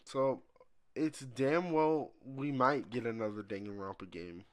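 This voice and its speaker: A young man on a casual podcast, talking in a relaxed, easygoing way at a middling pitch. He reads off dates and facts plainly, with occasional swearing. Nothing is put on; it is his everyday speaking voice. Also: unhurried. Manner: laid-back, reads out lists of dates. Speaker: podcast co-host. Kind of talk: unscripted casual chat.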